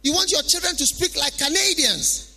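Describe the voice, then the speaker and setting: A man's voice: very high-pitched, moderate pace, bright, forceful tone. A man with a Ghanaian accent preaching a sermon in an emphatic, repetitive way, full of rhetorical questions.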